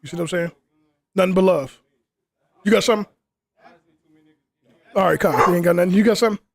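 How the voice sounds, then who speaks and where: Outdoors in the cold, a man hosts a casual podcast interview as interviewer and group leader, repeatedly slipping in "you know what I'm saying." His high-pitched voice moves fairly quickly, with crowd noise around him.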